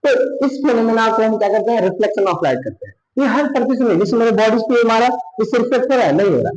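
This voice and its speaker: A man's voice: extremely high pitch, lively intonation, quick pace, darkish tone, lo-fi sound. A man with a Bihari Hindi accent teaching a science lesson, asking questions and answering them himself. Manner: repeats "thik hai" often. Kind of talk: classroom lesson. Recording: echoey room.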